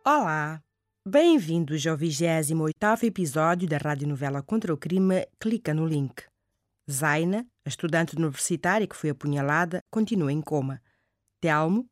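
A narrator introducing a radio drama episode in the measured, presentational manner of a serial announcer. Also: medium pitch, animated, no echo, studio quality.

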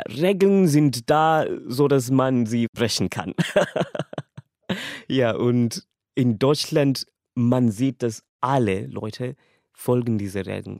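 Speaking in a mid-range, slightly mellow voice, a young man from Kenya tells an earnest, easygoing story about himself and laughs softly between ideas. He studies languages and his first languages are English and Swahili. The audio is clean studio quality with no room sound.

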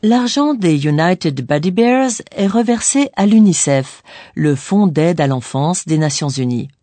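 Mellow, dry-sounding woman course narrator. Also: on the low side, expressive, no echo. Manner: didactic, pauses on key words. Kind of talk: scripted bilingual explanation.

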